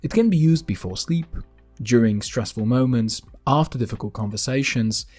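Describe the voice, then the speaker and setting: A man hosting a podcast in a calm, gentle, unhurried way, narrating a scripted grounding exercise with deliberate pauses. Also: mid-range voice, faint music behind. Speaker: podcast host.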